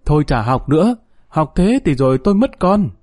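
A man's voice: a little high, very animated, fairly quick, a little mellow, no echo, clean studio sound, voice pushed up. A man voicing a distraught, doting middle-aged mother who wails and scolds shrilly. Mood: wailing.

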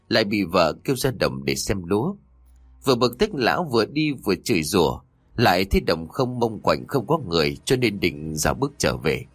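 A man narrates a ghost story with dramatic expression. His low, husky voice moves through a lively pitch range, recorded close and dry. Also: no room sound. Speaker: audiobook narrator.

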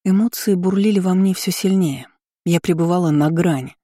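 A woman narrating a first-person novel as an audiobook, in a steady storytelling read. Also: on the low side, moderate pace, no echo, clean studio sound. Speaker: audiobook reader.

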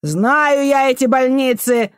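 A woman's voice: fairly high pitch, expressive, unhurried, no room sound, clean studio sound, voice pushed up. A woman voicing a vicious, foul-mouthed old female caretaker who snarls and shrieks abuse. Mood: furious.

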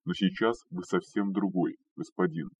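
A man's voice: low voice, big pitch swings, moderate pace, a little mellow, breathy edge, exaggerated voice. A man voicing a humble pleading retainer. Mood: humble, hesitant. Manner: pleading, hesitant. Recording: distant, dull lo-fi recording.

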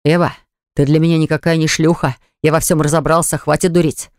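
A man voicing a hot-tempered young man in an audiobook, forceful and commanding. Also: a little high, flat delivery, brisk, smooth, no echo, clean studio sound, natural voice. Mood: angry, demanding.

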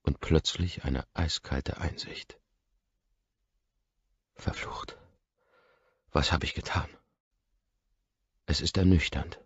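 A man reading a first-person audiobook in a measured, intimate way, often dropping to a hush, on a dull, lo-fi recording. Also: rumbling low, breathy edge, no room sound. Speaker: audiobook reader.

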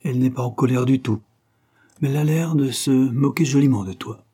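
A man reading aloud who voices a young wife with a slow, drawling manner. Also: medium pitch, mellow, husky, voice pushed up, lightly acted.

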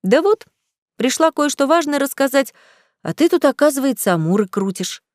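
A woman's voice: fairly high pitch, moderate pace, a little mellow, dry recording, studio quality, natural voice. A woman voicing a bold, meddlesome young woman who teases in a drawl, in a storybook reading. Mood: teasing. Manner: teasing, drawling.

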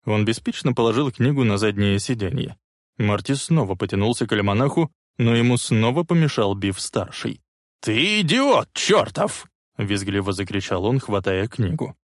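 A man reading a story aloud as narrator in a lively, expressive way. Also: on the low side, normal speed, no echo, clean studio sound.

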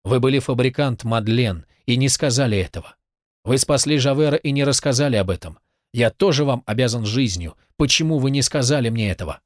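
A man's voice: medium pitch, a little fast, no room sound, clean studio sound, lightly acted. A man reading the lines of an impassioned, grateful young man in a storybook, fervent and insistent.

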